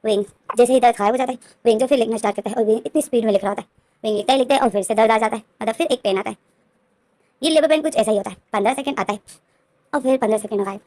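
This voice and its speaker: A woman casually retelling a story's plot in a rapid, run-on way, with many repeats and fillers. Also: on the high side, a little mellow, no echo. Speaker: story narrator.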